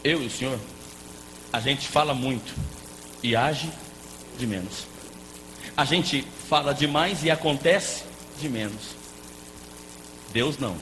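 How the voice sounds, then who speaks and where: A man preaching a lively sermon as a pastor, playful and joking with the congregation. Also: medium pitch, slow, long pauses. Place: church hall. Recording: echoey hall with faint noise.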